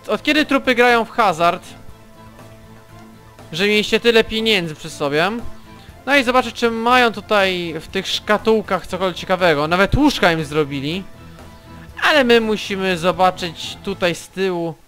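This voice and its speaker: A man's voice: high-pitched, pushed and bright. A man casually commenting on his gameplay, swearing and taunting the enemies he fights, with faint game music behind. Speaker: let's play gamer.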